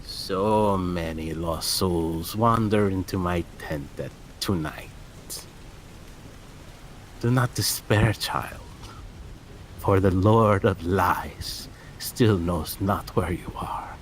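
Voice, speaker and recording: Old hag seer for a tabletop game played by a man: low, crackly, ominous, slow; faint rumble behind. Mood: ominous welcome.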